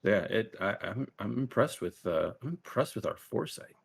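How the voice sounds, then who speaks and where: A man's voice: lowish voice, animated, normal speed, gravelly, husky. A man in his thirties co-hosting a podcast, chatting casually and thinking aloud with many fillers. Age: 30s. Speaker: podcast co-host. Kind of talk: casual chat.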